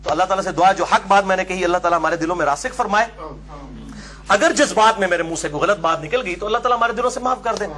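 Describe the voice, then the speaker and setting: A man's voice: high-pitched, quick pace, sharp tone. A man giving an emphatic, argumentative religious lecture, citing books and asking helpers to show pages. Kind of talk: religious lecture with book references.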